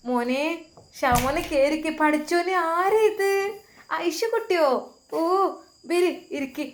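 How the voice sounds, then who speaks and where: A woman voicing a warm, talkative middle-aged aunt, fast and chatty. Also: high-pitched, slight background noise, pitched above the performer's own voice. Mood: welcoming.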